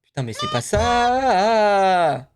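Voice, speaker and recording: A man's voice: sits high, big pitch swings, takes it slowly, slight background noise. A young man from the French Basque Country chatting casually as a stream host, talking to his co-host while he plays and swearing often. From Basque Country, France. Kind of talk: casual live-stream chat.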